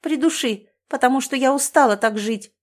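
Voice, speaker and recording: A woman's voice: steady tone, moderate pace, a little mellow, lightly acted. Woman doing a shrieking, sobbing young wife. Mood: hysterical, crying. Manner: shrill, tearful, screaming. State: crying.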